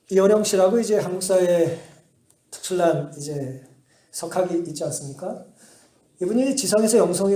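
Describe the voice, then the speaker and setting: Male pastor, high and mellow voice, sermon with rhetorical questions, echoey church hall. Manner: asks the congregation rhetorical questions and answers them; emphatic storytelling. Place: church sanctuary.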